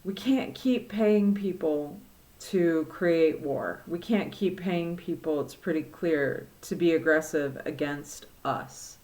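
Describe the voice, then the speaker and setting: Slow, musing Midwestern woman. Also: low-pitched, darkish tone. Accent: Midwestern American. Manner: slow, reflective, with frequent pauses and fillers. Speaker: tarot reader. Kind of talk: spoken divination reading.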